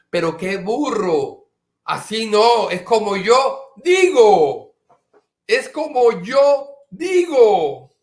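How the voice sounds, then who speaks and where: Slow, high-voiced man preaching. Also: a bit bright. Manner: earnest, acts out listeners' objections in raised voice. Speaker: pastor. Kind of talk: sermon. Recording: echoey room.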